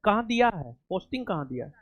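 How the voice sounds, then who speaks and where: Man, Bihari Hindi accent, high pitch, dry close sound, fond teasing teacher type. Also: big pitch swings, quick pace, dry recording, muffled recording. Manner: affectionate, joking, fussy. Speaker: coaching teacher. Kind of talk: casual chat while honoring students.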